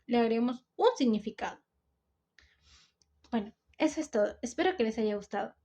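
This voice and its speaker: Her voice is fairly high, warm and expressive, at a normal speed. This Peruvian teenager with a coastal accent explains a school topic step by step for a video as a student presenter, with "entonces" coming up often.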